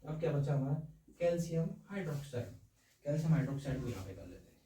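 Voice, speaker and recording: A man teaching science talks fast in a slightly high, dark voice with big pitch swings. He explains through playful everyday analogies and checks often that students keep up. The echoey room leaves him sounding distant.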